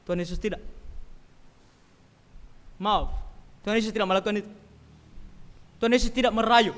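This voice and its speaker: Preacher, male: high, bright, forceful voice, emphatic, heard with long church reverb. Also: normal speed. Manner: emphatic, swings from loud stresses to quiet asides. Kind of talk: sermon.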